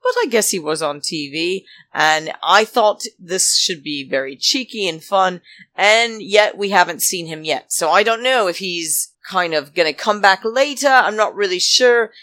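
A woman with a notably low voice delivers chatty podcast commentary at a leisurely, drawn-out pace. Her manner is campy and theatrical like a drag queen, full of sassy, indignant emphasis. The recording is close and dry. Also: fairly bright tone, no echo. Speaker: podcast host. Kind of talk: solo reality TV recap podcast, chatty commentary.

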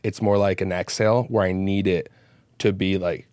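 Blunt, low-voiced man co-hosting a podcast. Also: fairly even intonation, normal speed, darkish tone, clear, resonant tone, no echo. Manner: blunt, profane, laughing. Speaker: podcast co-host. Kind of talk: casual chat.

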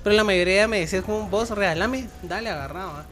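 A man's voice: sits high, quick pace, fairly bright tone. A man, hosting a podcast and telling joking, slangy work stories. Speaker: podcast host. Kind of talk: casual podcast chat.

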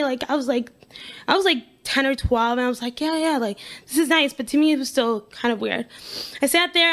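A young woman from the United States telling a personal story casually, chatty and full of "like" fillers, acting out what people said. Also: high-pitched. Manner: chatty, heavy use of "like" fillers; animated, acts out quoted speech.

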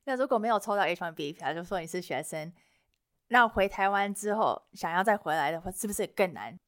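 A woman's voice: lowish voice, animated, brisk, fairly bright tone. Woman host asking questions. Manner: code-switches with English words. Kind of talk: interview questions.

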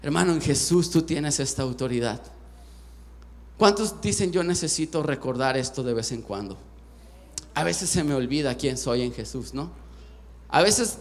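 A young Mexican man preaching a sermon with a Mexican Spanish accent, joking and poking fun at himself as he talks to his congregation. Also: on the high side. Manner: joking, self-deprecating and lively. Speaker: pastor. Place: church sanctuary. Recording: echoey church hall.

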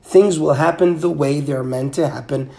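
A man with a congested, stuffy-sounding voice talks through a reflective podcast monologue, musing aloud and posing rhetorical questions. His tone is mellow and dark, with a gravelly fry at the ends of his phrases, and his voice sits at a middling pitch. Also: moderate pace. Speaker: podcast host.

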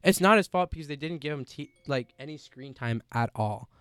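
A man's voice: a little high, fairly quick, clean tone, no echo. A young man co-hosting a casual podcast, talking animatedly with lots of "like" and casual swearing. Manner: animated, filler-heavy with many "like"s, swears casually. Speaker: podcast co-host. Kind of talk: casual chat.

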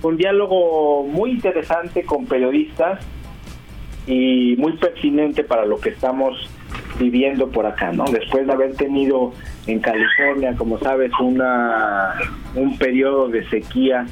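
A man, a guest journalist chatting on a radio interview, talking at length with many fillers and pauses. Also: mid-range voice. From Mexico. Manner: talkative, thinking aloud with many fillers. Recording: dull lo-fi radio line, faint music.

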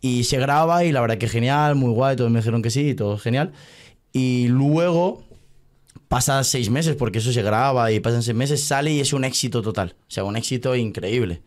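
A man's voice: medium pitch, normal speed, darkish tone. A young man in his twenties, a magician guest on a podcast, telling a story in casual chat with lots of fillers. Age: 20s. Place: podcast studio.

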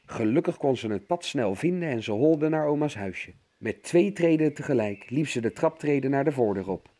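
A man reads a fairy tale to children, his husky voice moving through a wide, lively range. His storytelling is expressive and steady, pitched in the middle for a man. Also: moderate pace. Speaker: narrator.

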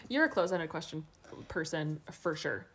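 A woman co-hosting a casual chat, explaining points clearly with playful asides, recorded on the floor under a blanket fort. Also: deep voice, animated, normal speed, fairly bright tone, slight background noise. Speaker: podcast co-host.

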